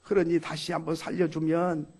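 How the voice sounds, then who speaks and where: A man voicing a young man who pleads and complains loudly that he was treated unfairly. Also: on the high side, little pitch movement, moderate pace, slightly rough. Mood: pleading. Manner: complaining, raising his voice.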